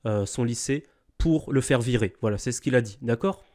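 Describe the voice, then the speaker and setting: A man's voice: medium pitch, normal speed, dark tone. A man giving informal, off-the-cuff reaction commentary, scornful and lecturing, checking in with short tag questions. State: sick.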